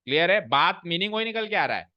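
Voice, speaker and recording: A man's voice: high-pitched, sing-song, fast, no room sound, muffled recording. A man teaching English grammar to a class, repeating his points and quizzing the students as he goes. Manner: explains by repeating and asking the class questions. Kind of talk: classroom lecture.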